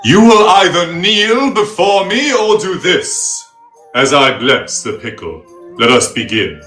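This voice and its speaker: A grandiose pickle priest, as a man puts him on, who delivers solemn mock-archaic decrees at a slow, stately pace. His pitch swoops from deep, dropped tones to sudden lifts. The room is roomy and echoey. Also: sing-song, sharp tone, faint music behind, heavily acted. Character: pompous self-styled male pickle priest. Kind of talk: comedic character interview.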